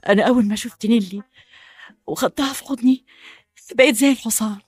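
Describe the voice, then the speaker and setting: A woman's voice: on the high side, fast, darkish tone, husky. An actress playing an elderly, grateful Egyptian mother in a radio drama, with an Egyptian Arabic accent. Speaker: mother of the heroine.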